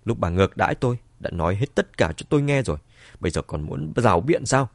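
A man voicing an angry older father who sneers in a low voice. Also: animated, fast talker, no echo, close to an everyday voice. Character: furious older father, bitter and cold.

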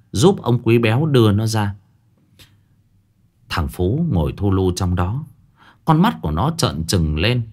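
A man narrating a ghost story in an expressive storytelling manner. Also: fairly low pitch.

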